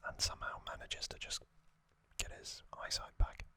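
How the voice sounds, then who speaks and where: A man narrates a story as an ASMR host, whispering throughout with no voice behind the breath and pausing between brief phrases. The tone comes across as sharp.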